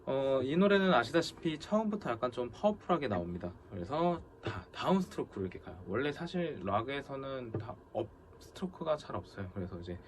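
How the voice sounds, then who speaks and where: A man's voice: mid-range voice, sing-song, fairly quick, few pauses, slight background noise. A man teaching a guitar lesson, explaining strumming and palm-mute technique and counting beats aloud. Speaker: guitar instructor. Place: music studio. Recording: loud guitar over the voice.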